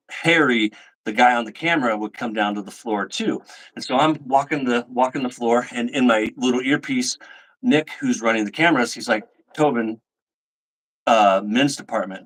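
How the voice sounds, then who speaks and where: A middle-aged livestream host chats casually with his viewers, telling stories and animatedly acting out the people he quotes. His voice is medium-pitched and the recording is rough.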